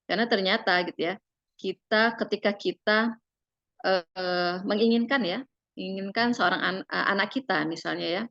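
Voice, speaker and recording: A woman giving a parenting seminar with slides. She speaks gently and persuasively to parents and tags her phrases with fillers. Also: medium pitch, no echo, highs cut off.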